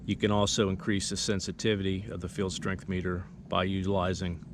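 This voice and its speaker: Brisk and low-pitched, with little movement in his pitch, a man presents a radio equipment demonstration step by step as an instructor would; background noise is audible.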